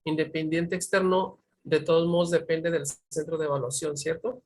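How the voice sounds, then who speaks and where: A man's voice: fairly high pitch, steady tone, moderate pace. Hesitant man asking questions. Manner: hesitant, restarts often, polite. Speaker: evaluation center participant. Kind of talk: asking questions in an online meeting.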